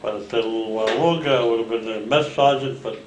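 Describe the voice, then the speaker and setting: In a roomy home recording with faint hiss, a "New" man in his eighties, a World War Two veteran, recounts his family history for a casual oral history interview. His mid-range voice rambles and halts, and he restarts his story again and again.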